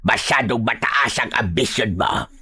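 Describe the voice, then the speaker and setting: A man voicing a cruel female aswang queen, speaking slowly and mockingly in an audio horror story. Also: medium pitch, sharp tone, husky, heavily acted. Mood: taunting. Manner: slow, gloating and taunting.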